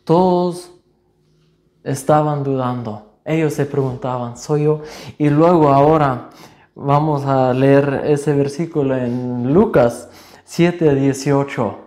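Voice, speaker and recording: Slow-speaking man preaching a sermon. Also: mid-range voice, a little mellow. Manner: deliberate, acts out voices with rising emphasis. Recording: roomy echo.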